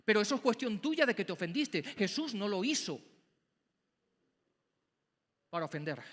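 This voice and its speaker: Man, pastor, emphatic sermon, bright, sharp tone, long church reverb. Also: high-pitched, sing-song, moderate pace. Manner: dramatic, emphatic, fires rhetorical questions at the congregation. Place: church sanctuary. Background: church hall reverb.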